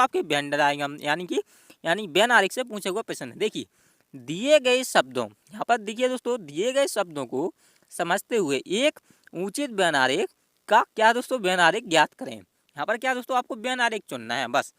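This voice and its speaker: A man's voice: high voice, sharp tone, no echo. Male exam tutor, bouncy rhetorical questioning style, dry close sound. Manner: addresses viewers as friends constantly, repeats questions to himself. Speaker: exam-prep reasoning teacher. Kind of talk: step-by-step exam lesson.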